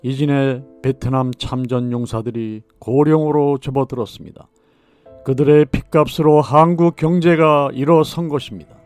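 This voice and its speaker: A man gives a steady, solemn documentary narration at a mid-range pitch. His delivery is measured and scripted, like a channel voice-over. Soft music plays faintly underneath. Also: clear, resonant tone. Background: faint background music.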